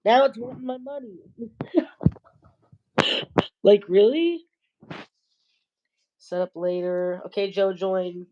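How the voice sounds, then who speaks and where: A woman's voice: medium pitch, slow, long pauses, dull audio. A woman hosting a late-night livestream, stuffed up with a cold, talking in a loose, rambling way into her phone. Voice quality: nasal, congested. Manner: rambling, loose, a little stoned. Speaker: livestream host. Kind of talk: casual livestream chat. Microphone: phone or tablet camera.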